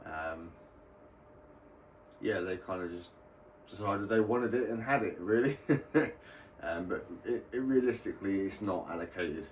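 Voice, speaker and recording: In a low voice and at a measured pace, a British man wanders casually through an explainer as host of his hobby video channel. Faint background noise and a distant, roomy mic shape the recording.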